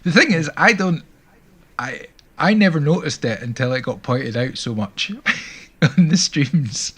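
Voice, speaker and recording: A man's voice: fairly high pitch, lively intonation, a little slow, a bit bright, husky. A man hosting a music stream, chatting casually and rambling a little with restarts. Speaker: stream host. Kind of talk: casual chat.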